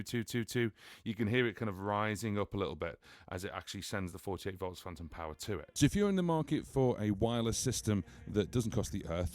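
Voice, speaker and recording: A man's voice: fairly low pitch, warm tone. A British man, a musician, chatting casually as he explains and tests audio gear, leaning on fillers like "obviously". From United Kingdom. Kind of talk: casual gear review and demo. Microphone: studio microphone.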